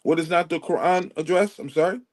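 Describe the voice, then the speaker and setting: A man's voice: on the high side, darkish tone. A man who joins a live online panel as a guest and argues his side, cutting in often and apologizing along the way. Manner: quick to interject, apologetic, then argumentative. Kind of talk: casual debate on a live panel.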